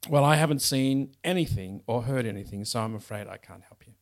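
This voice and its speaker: A man's voice: mid-range voice, brisk, lightly acted. A man voicing a curt, guarded middle-aged housekeeper woman who speaks coolly and firmly. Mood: dismissive. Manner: cool, firm, unwelcoming.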